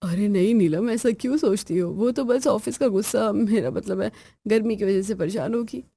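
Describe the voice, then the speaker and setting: A woman's voice: mid-range voice, normal speed, gravelly, warm tone, slightly rough, no room sound. A woman voicing a tired older brother home from the office, mild and placating.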